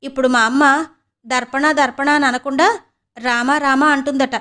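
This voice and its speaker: A woman voicing a quick-tongued young student niece who chats, teases and grumbles to herself. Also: high-pitched, steady tone, pushed and bright, voice pushed up. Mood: cheeky. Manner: chatty, teasing, grumbling asides.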